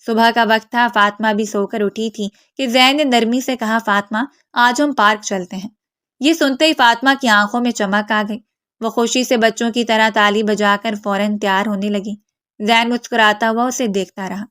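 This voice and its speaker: A woman's voice: on the high side, fairly even intonation, fairly bright tone, clear, resonant tone, dry recording, clean studio sound. Woman narrating a romance novel.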